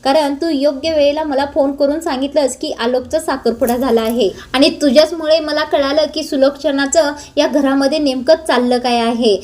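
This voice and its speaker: A self-assured, scheming elder brother, read out by a woman narrator in a high voice, speaking smugly in a serial recap. The reading is plain and barely disguised, with a confident, scheming tone. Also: steady tone, moderate pace, few pauses, darkish tone, close to an everyday voice. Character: scheming elder brother, middle-aged man, smug.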